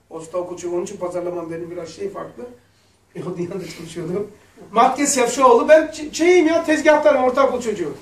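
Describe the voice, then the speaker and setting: Guy teaching a religion class, high voice, slangy and chatty, echoey room, mic far away. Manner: colloquial and lively, with blunt slang asides. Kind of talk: religious lesson with casual storytelling. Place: lesson room. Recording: roomy echo, mic far off.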